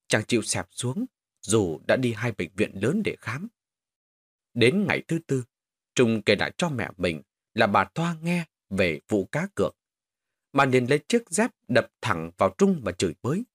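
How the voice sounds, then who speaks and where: A man narrating a ghost story in an animated storytelling manner. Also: lowish voice, no echo, studio quality.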